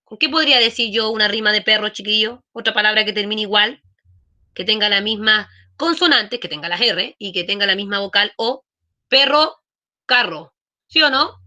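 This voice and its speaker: A woman's voice: medium pitch, a little fast, pushed and bright. A woman teaching an online class, explaining patiently and checking in with frequent questions. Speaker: schoolteacher.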